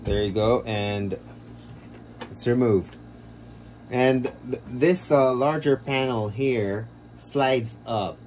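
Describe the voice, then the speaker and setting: A man vlogging a casual how-to walkthrough, explaining in a rambling, halting way, recorded on a low-quality phone camera. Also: a little mellow, slight background noise. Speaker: DIY vlogger.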